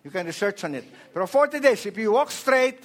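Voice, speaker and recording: A Filipino-accented male pastor delivers a sermon in an animated way. His voice sits high, and he keeps pulling the congregation in with questions, switching into English from time to time. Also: brisk. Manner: animated preaching, mixing Tagalog with English, asking the congregation questions.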